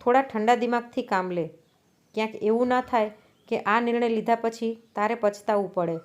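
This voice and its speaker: A gentle, indulgent mother coaxes her daughter softly, voiced by a woman narrator. The voice sits somewhat high. It is a storybook reading. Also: fairly even intonation, normal speed, natural voice. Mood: soothing.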